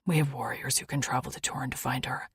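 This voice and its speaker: Woman reading a blunt alien warrior guy, short formal lines, raspy voice, dry close sound. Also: rumbling low, fairly even intonation, brisk, a bit bright, dry recording, heavily acted. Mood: gruff, protective. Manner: clipped, formal speech without contractions. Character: stern, blunt male alien warrior, tall.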